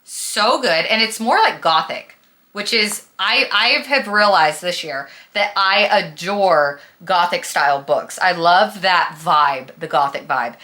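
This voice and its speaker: A young adult woman who hosts a book vlog speaks to camera with a lowish voice, a slow pace and a sharp tone. She has a slight lisp and chats casually but emphatically about books, gushing in a dramatic way.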